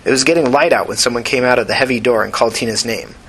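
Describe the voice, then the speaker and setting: Husky male audiobook narrator. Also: mid-range voice, rapid-fire, fairly bright tone, low-quality recording.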